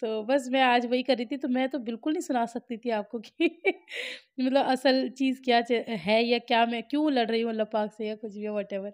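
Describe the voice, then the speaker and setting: An Indian mother chatting casually to her viewers in a home vlog, talking freely and laughing often, dropping soft and low when she turns reflective. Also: fairly even intonation, normal speed. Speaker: family vlogger, mother.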